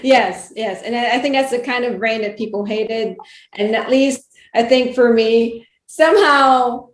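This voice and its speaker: Echoey, higher-voiced chatty woman. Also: measured pace. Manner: chatty, giggly, peppered with "like" and "you know". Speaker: guest, wrestling ring announcer and reporter. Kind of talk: casual interview chat. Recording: roomy, echoey sound.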